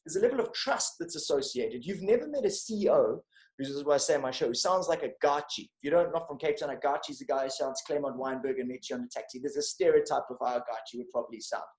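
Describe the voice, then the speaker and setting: A South African man, appearing as a guest comedian on a video-call podcast, talks through his arguments analytically, building them up with frequent restarts. His mid-range voice is a little mellow and he talks fast, and the video-call audio sounds roomy.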